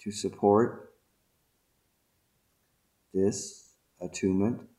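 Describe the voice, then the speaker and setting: A man leading a guided meditation and spiritual invocation in a deliberate, ceremonial manner, in short separated phrases. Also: lowish voice, steady tone, warm tone.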